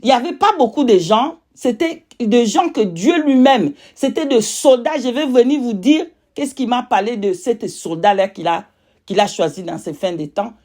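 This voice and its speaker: A woman who isn't a native French speaker gives a religious testimony in accented French, her fairly high, dark-toned voice animated. She is emphatic and repetitive, pausing to search for words.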